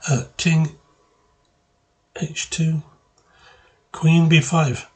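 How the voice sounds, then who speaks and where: A man giving casual move-by-move commentary on his own chess game, thinking aloud and pausing mid-phrase. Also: fairly high pitch, fairly even intonation.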